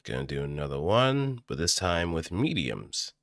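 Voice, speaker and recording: In this casual explanatory clip, a deep-voiced, animated amateur voice actor improvises a tutorial on voice acting at a normal speed. A close studio mic through an audio interface keeps it crisp, dry, and echo-free.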